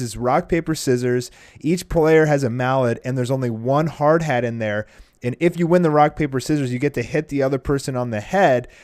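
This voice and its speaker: A young man hosts a casual anime preview commentary in an average-pitched voice. He talks informally and with a fan's enthusiasm, recorded close and dry with little room sound. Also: darkish tone, dry recording. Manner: enthusiastic, informal fan talk. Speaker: host of an anime review channel.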